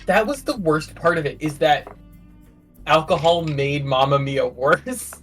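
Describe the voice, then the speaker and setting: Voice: mid-range voice, measured pace. A friend on a stream chatting casually, telling stories and laughing often. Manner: storytelling, animated, laughs often. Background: game music.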